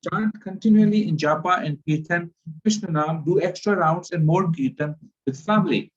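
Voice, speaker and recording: A man gives a devotional sermon, retelling a sacred story. His voice sits somewhat high, and he speaks earnestly, stopping often with fillers and repeats. The recording is dull and lo-fi. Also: moderate pace. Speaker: preacher.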